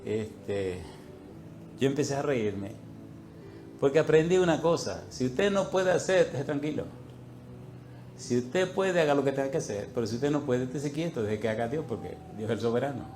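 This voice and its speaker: Animated man telling a sermon story. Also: mid-range voice, normal speed, slight background noise. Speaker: preacher.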